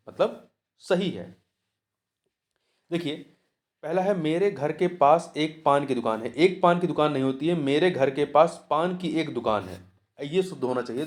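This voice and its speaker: A tutor from India with a slightly high voice works through the answers to a Hindi practice exam. He poses questions, answers them himself, and goes over each answer step by step.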